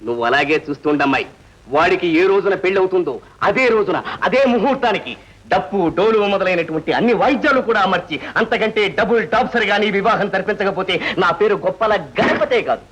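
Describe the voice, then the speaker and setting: An actor playing a pompous, boastful father with a husky voice in an old film. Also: high voice, quick pace, fairly bright tone, poor audio. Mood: aggrieved boasting. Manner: pompous, blustering. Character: boastful proud middle-aged father of a lawyer daughter.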